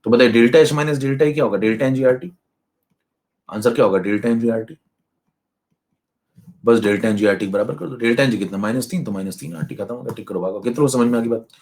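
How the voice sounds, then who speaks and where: A young man teaches chemistry in an online lecture with a brisk, teasing delivery. His voice sits at an ordinary middle pitch. He breaks off now and then to mimic slow, lazy students. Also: darkish tone.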